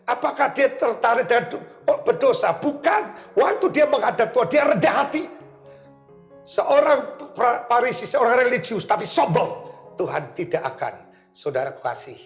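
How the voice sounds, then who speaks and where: A pastor preaches in a high voice, telling stories with lively energy. The church room is reverberant, and faint music plays underneath. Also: male voice, normal speed. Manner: animated storytelling, acting out voices. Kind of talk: sermon.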